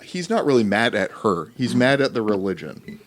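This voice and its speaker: A man playing a tabletop game who cuts in quickly and directs the others. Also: lowish voice, sing-song, slight background noise. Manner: bossy, quick interruptions. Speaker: player. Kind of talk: casual tabletop banter.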